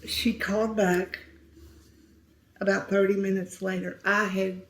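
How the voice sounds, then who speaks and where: A middle-aged woman telling a painful story as an interview guest, speaking softly and sometimes near a whisper. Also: medium pitch, flat delivery, measured pace. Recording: roomy echo.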